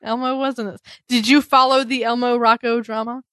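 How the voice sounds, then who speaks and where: A woman's voice: on the high side, flat delivery, a little fast, sharp tone, no echo, clean studio sound. A woman co-hosting a podcast, talking casually with a lot of "like" and frequent laughter. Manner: chatty, laughs often, many "like" fillers. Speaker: podcast co-host reviewing sketch comedy. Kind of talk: casual chat.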